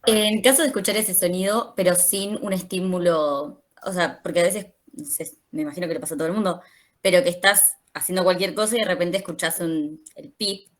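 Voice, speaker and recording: A woman's voice: lowish voice, brisk. Hesitant woman student asking a question. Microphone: video call.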